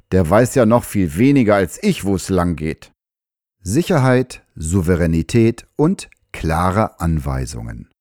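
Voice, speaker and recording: A man, a farrier, giving calm, measured advice in scripted explanatory narration. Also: fairly low pitch, dry recording, clean studio sound.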